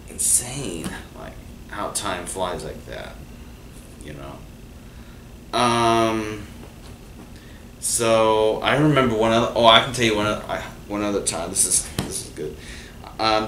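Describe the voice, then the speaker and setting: A man hosting, telling his own stories in a casual, rambling way with many fillers and restarts. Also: fairly low pitch. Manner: rambling, full of fillers and restarts, animated when quoting people. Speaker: host. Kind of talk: casual storytelling monologue. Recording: echoey room from far off, faint noise.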